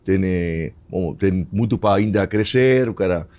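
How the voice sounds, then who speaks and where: A deep, dark male voice at moderate pace, with the highs cut off, tells stories in an interview. The speaker is a former Uruguayan footballer whose first language is Spanish; he mixes Portuguese with Spanish and laughs often.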